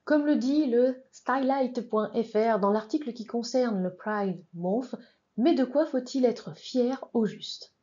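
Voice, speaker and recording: A woman's voice: fairly high pitch, measured pace, hardly any pauses, warm tone, highs cut off. A woman hosting a casual explainer vlog, chatting with asides and hesitant fillers as she reads from her sources. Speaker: channel host.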